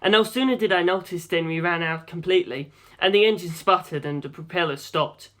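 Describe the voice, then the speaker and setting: With a voice fairly high for a man and a fairly bright tone, this audiobook narrator tells a scripted first-person adventure story. He reads a little fast.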